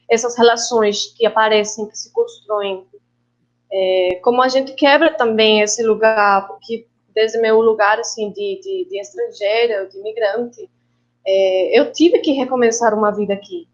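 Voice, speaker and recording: Colombian woman, Spanish native, guest panelist, halting reflective delivery, slightly high voice, dull video call audio. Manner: reflective, halting, slips Spanish words into Portuguese. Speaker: guest filmmaker and actress. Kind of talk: online panel talk.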